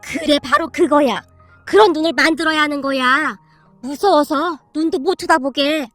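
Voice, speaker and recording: Woman voicing a bossy old grandmother, slow drawling commands, rough tongue, dry close storybook voice. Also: high-pitched, fairly bright tone, no echo, soft background music. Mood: stern coaching. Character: stern bossy old grandmother coaching scolding.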